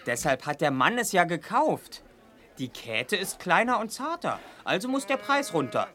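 Cocky, lively young farmhand. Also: male voice, high-pitched, normal speed, exaggerated voice. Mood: sly haggling. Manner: cheeky, self-assured. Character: cocky scheming young man, aspiring dairy farmer. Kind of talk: German children's audio drama acting.

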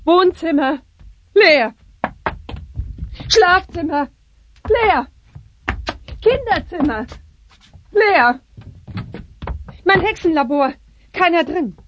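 A fussy, bossy witch mother frets and chants her spells in a high voice. She speaks slowly and deliberately in this children's radio play, with faint noise behind. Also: animated, lo-fi sound, exaggerated voice. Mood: worried.

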